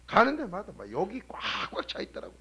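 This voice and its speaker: A man preaching a sermon as a pastor, talking in a colloquial way and firing off rhetorical questions. He swings between loud exhortation and low, quiet asides. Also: wildly swooping pitch, a little fast, slightly rough. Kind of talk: early-morning sermon. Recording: 1997 church sermon recording.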